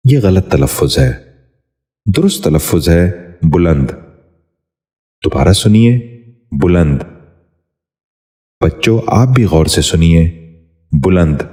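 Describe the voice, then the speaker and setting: Male voice, very low, formal scripted lesson host, careful and polite. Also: animated, mellow. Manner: formal, courteous, slow repetition of each word. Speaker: Urdu pronunciation teacher.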